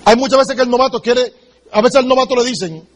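A man with a strikingly high voice runs a sales training seminar, talking at a brisk clip. He is blunt and emphatic, turns straight to his listener and plays out little sales conversations as he goes. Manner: direct and emphatic, addresses the listener, acts out sales dialogues. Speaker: business seminar speaker. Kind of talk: motivational sales training talk.

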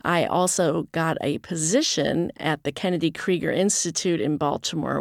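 Her voice is on the low side and creaky: an American woman in her sixties who heads a nonprofit, appearing as an interview guest. Earnest and explanatory, she talks conversationally and laughs occasionally, in a clean studio recording without echo.

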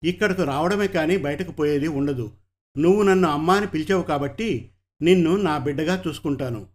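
A man's voice: a little high, a little fast, lightly acted. A man voicing a domineering middle-aged woman brothel keeper who talks in a commanding, threatening way.

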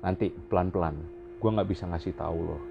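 Man putting on a hulking stone spirit guardian, deep and growly, unbothered, told over lo-fi audio with music. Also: fairly even intonation, fairly quick, vocal fry. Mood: calm, casual. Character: huge grey stone-like male spirit guardian, calm and blunt.

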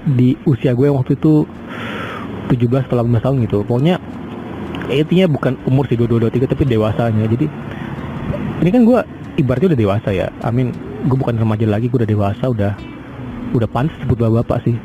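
A man's voice: medium pitch, quick pace, long pauses. A man in his twenties talking through a casual personal podcast monologue, rambling and hesitant with many fillers and restarts. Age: 20s. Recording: outdoor traffic noise behind.

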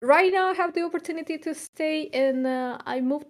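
A woman's voice: high voice, normal speed. A young woman from Chile co-hosting a podcast, talking casually and reflectively, with frequent fillers and restarts. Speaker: podcast co-host.

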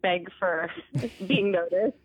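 A woman's voice: fairly low pitch, takes it slowly, husky. A woman talking over a phone line on speakerphone, chatty and giggly, with lots of "like" fillers, as a guest in a casual phone interview.

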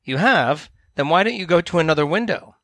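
A man voicing a curious, polite moth who asks gentle questions in a storybook reading. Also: a little high, lively intonation, a little fast, dry recording, voice pushed up. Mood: gently probing.

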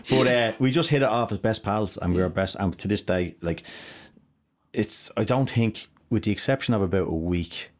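A man's voice: fairly low pitch, normal speed. A middle-aged Irish man chatting as a podcast guest, telling stories animatedly with many restarts. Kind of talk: casual interview chat.

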